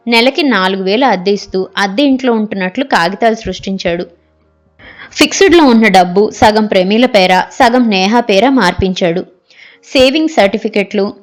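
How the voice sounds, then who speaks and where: A medium-pitched woman reads a novel aloud as an audiobook narrator, telling the story in a steady manner.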